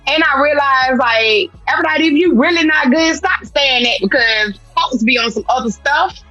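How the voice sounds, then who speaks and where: A woman co-hosts a casual podcast talk, playful and sarcastic, slipping into little acted-out versions of herself. Her voice is a bit high, and the sound is dull and lo-fi with faint music behind. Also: normal speed, bright, forceful tone. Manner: sarcastic, acts out her own lines, playful. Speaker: podcast co-host. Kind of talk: casual chat.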